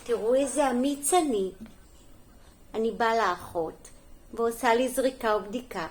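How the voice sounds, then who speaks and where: A middle-aged kindergarten teacher reading a storybook aloud to young children, gentle and sing-song, pausing for little asides and questions. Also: female voice, on the high side, slight background noise.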